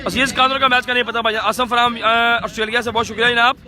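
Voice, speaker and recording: High-pitched, bright Pakistani man, excited cricket commentary. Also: quick pace, some chatter behind. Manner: repeats phrases, drops in English words. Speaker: live-stream cricket commentator. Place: outdoors at a cricket match.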